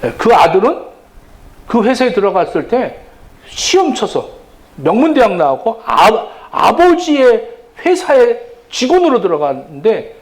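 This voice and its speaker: A middle-aged male pastor preaching a sermon, animated and acting out quoted lines in different voices. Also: sits high, a little slow, low-quality recording.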